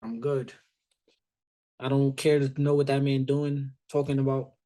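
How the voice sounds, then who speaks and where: A man's voice: mid-range voice, monotone, unhurried, warm tone. A young man co-hosting a podcast, chatting in a laid-back, blunt, mocking way. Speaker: podcast co-host. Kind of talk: casual chat.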